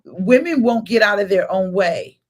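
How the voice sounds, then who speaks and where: Affirming woman pastor, mid pitch. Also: animated, moderate pace. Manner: affirming, frequent hums of agreement. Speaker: pastor, co-host. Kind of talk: casual chat.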